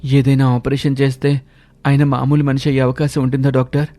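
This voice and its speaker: A man's voice: medium pitch, little pitch movement, a little fast, mellow, soft background music, natural voice. A man voicing a worried young husband, urgent and questioning.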